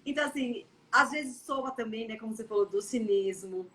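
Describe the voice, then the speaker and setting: Blunt, lively Brazilian woman chatting. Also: fairly high pitch, a little fast. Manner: blunt, animated storytelling with playful quoted voices. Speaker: guest on a live stream. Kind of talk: casual chat.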